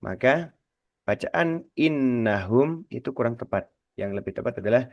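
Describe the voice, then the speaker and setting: A man teaching Quran recitation on a radio lesson, slow and patient, repeating words to demonstrate, his voice trailing off softly at the ends of phrases. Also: medium pitch, expressive, no room sound, muffled recording.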